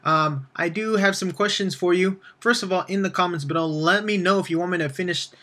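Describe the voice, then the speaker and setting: Casual, higher-pitched male vlog host. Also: brisk, bright, forceful tone. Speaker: video channel host. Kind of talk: casual vlog outro to viewers.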